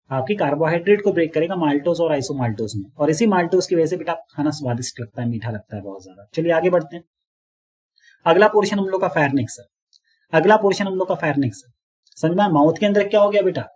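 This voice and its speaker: A man's voice: fairly high pitch, expressive, a little fast, darkish tone, husky. A man teaching a biology class in Hindi mixed with English terms, explaining patiently and often checking whether his students have understood. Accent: Indian English terms mixed into Hindi. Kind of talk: online classroom lecture.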